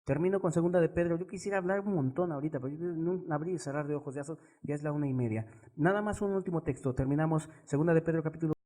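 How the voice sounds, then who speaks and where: High-voiced male preacher, emphatic rhetorical sermon delivery. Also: racing, few pauses, dark tone. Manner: emphatic, rhetorical questions, swings from low murmurs to raised exclamations.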